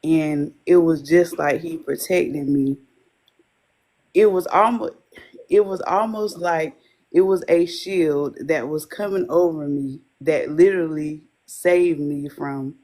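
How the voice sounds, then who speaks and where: A woman's voice: low-pitched, slow, darkish tone. A woman who coaches wives of addicts, giving an earnest, faith-filled testimony as an interview guest.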